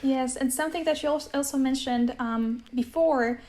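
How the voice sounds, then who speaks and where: A woman's voice: sits high, moderate pace, darkish tone. A young woman whose first language is Polish, speaking English with an American accent in a casual conversation, chatty, with lots of fillers and easy laughter. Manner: chatty, uses many fillers, laughs easily. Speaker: language-learning guest.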